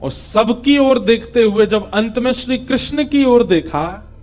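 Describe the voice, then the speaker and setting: A man's voice: very high-pitched, lively intonation, unhurried, darkish tone, faint music behind. A young man preaching a devotional scripture discourse, telling the story with acted dialogue and chanting verses. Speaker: katha preacher.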